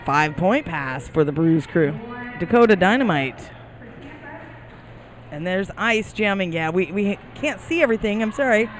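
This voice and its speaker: A woman's voice: on the low side, animated, normal speed, slight background noise. A woman giving color commentary at a roller derby bout, chatty and upbeat, with a self-deprecating streak. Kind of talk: live sports commentary.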